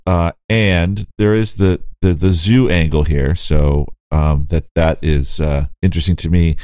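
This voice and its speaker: A man talking casually on a podcast, halting and filling pauses with um and you know. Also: low-pitched, fairly even intonation, a little mellow, clear, resonant tone, no room sound. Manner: hesitant, many fillers. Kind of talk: casual chat.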